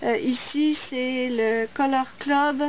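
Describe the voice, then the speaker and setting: A woman's voice: high-pitched, steady tone, slow pace, dull audio, a little hiss or hum. A woman hosting a casual nail art tutorial, chatting and explaining each step as she works. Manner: chatty, explains while working.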